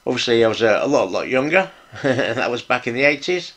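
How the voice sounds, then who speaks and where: A man's voice: medium pitch, expressive, brisk, a bit bright. A middle-aged British man casually narrating a hands-on hobby build vlog in an informal, appreciative, chatty way. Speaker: hobby video host, model car builder.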